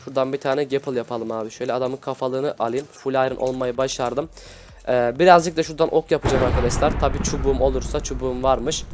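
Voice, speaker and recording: A young man from Adana giving excitable, slangy live commentary over a video game for his channel's viewers. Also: medium pitch, fast talker, faint music behind. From Adana, Turkey. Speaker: gaming YouTuber.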